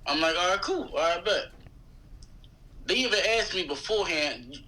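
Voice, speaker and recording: A rapper from West Philadelphia, speaking with a Philly accent, chats as an interview guest and tells stories in a casual, slangy, animated way, quoting dialogue as he goes. His voice is high and his pace moderate. The audio is poor.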